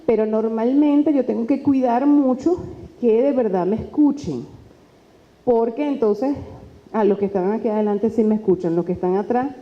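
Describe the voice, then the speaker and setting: A woman lecturer, talking lively and conversationally into a microphone and acting out quoted dialogue. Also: on the high side, normal speed. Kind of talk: lecture on presentation skills. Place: lecture hall. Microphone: handheld microphone. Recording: dull sound with long hall reverb.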